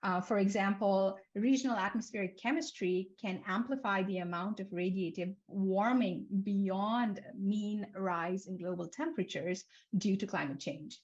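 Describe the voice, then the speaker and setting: Presenting her climate research at a seminar, a young woman from Nepal speaks steadily at a middle pitch, laying out each point in turn like a list. Small "um" and "uh" fillers come often, and the recording has a somewhat dull, lo-fi lecture quality.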